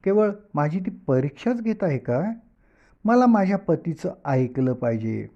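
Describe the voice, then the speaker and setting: A man voicing a calm, devoted young wife who speaks softly and steadily. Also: on the high side, a little slow. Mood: sad musing. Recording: dull lo-fi recording.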